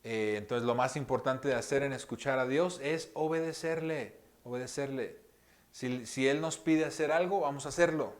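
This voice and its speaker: A man giving a conversational sermon as pastor, speaking gently with many pauses, fillers and rhetorical questions, often dropping to a hushed voice. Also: medium pitch. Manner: drops to a hushed soft voice often. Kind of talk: sermon teaching.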